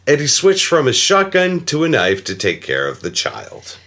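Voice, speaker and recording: A man co-hosting a casual true-crime podcast, narrating the case with frequent swearing and dark laughs. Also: a little high, huge pitch swings, moderate pace. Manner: swears freely, laughs, mock-voices the killer.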